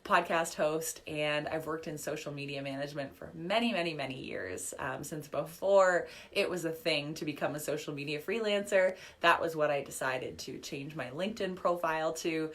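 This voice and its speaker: A woman's voice: sits low, normal speed, few pauses, fairly bright tone. A woman in her thirties, a business coach, running a live online workshop in a chatty, upbeat way with lots of fillers, her voice a little worn. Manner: chatty, upbeat, filler-heavy, reading chat comments aloud. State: slightly losing her voice. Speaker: business coach and podcast host.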